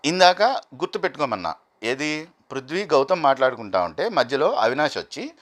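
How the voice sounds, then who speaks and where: Animated man reviewing a reality show. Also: mid-range voice, brisk. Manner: animated, argumentative, quotes contestants in acted bursts. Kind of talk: commentary.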